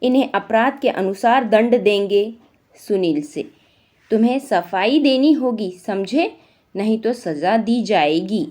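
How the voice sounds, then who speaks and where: A woman's voice: mid-range voice, lively intonation, slow, a little mellow. A woman voicing a strict female night-queen judge who scolds children, read from a storybook. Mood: stern. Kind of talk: storybook reading for a class.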